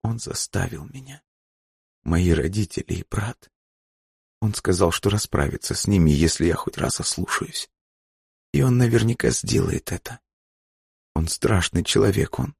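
A man reading an audiobook voices a frightened young woman who confesses in a soft, near-whispered voice and breaks into desperate cries. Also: low-pitched, steady tone, quick pace, husky, no echo, clean studio sound. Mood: fearful hushed. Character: frightened young woman agent, tearful and pleading.

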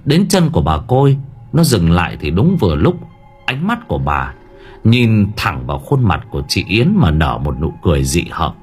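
A man's voice: deep voice, big pitch swings, moderate pace, a little mellow. A man narrating a horror story in a dramatic storytelling manner. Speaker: audiobook narrator. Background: faint background music.

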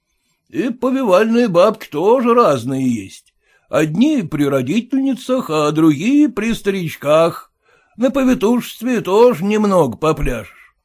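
A crude, overbearing merchant landlord drawls his words slowly and condescendingly, as a male reader acts him out. He sounds tipsy and full of himself. His voice rises and falls widely. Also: high voice, very animated, voice pushed up, heavily acted.

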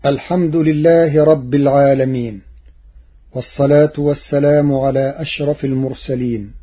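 Slow, husky man on old radio. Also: mid-range voice. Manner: measured, formal, deliberate. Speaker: radio presenter of Quran readings. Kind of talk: formal scripted radio explanation. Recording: dull lo-fi archival radio recording.

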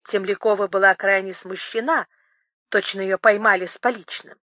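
A woman narrating a literary audiobook in a measured, expressive storytelling manner. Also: medium pitch, no echo. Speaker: audiobook reader.

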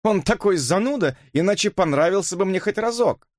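A man's voice: high-pitched, animated, fairly quick, no echo, clean studio sound, pitched above the performer's own voice. A man reading an audiobook, voicing a flippant, mocking young woman who drawls her words. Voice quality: drawling, teasing.

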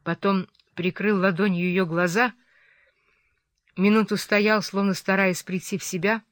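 A reader narrating a classic novel in a steady, measured way. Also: medium pitch, no room sound. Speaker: audiobook reader. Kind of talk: scripted narration.

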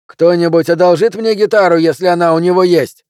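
A man's voice: high-pitched, steady tone, a little fast, a little mellow, dry recording, clean studio sound, voice pushed up, natural voice. A man voicing a stout, middle-aged [name] impersonator who speaks earnestly in a raised voice. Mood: nervous.

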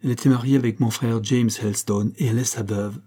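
A brusque, hearty older clergyman from a storybook, as a man reads him. He talks briskly in a dark, slightly husky voice. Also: mid-range voice, steady tone, close to an everyday voice.

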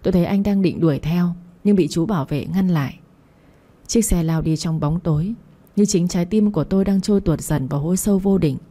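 A woman narrating a romance story in the first person with a slow, measured, melancholic reading. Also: lowish voice, warm tone, husky. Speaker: audiobook narrator.

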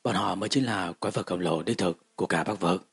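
A man voicing a powerful woman cultivator who serves as advisor, speaking slowly and in a measured way. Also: sits low, gravelly, husky, dry recording, full character voice. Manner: slow, measured speech.

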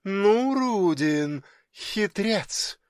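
A man's voice: high voice, animated, drawn-out words, no echo, studio quality, voice pushed up, heavily acted. A man voicing a cold, mocking supernatural woman in an audiobook reading, with a raised, imperious voice. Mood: amused.

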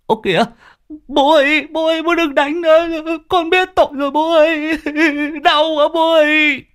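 A man's voice: extremely high pitch, steady tone, normal speed, a bit bright, pitched above the performer's own voice. A man voicing a frightened young village boy who stammers and pleads. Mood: wailing.

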